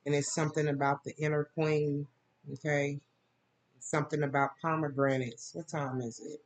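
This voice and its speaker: A woman's voice: flat delivery, normal speed. A woman giving a casual tarot reading, talking in a rambling, loose way with plenty of fillers. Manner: bursts into laughing, high-pitched mimicry. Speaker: tarot reader.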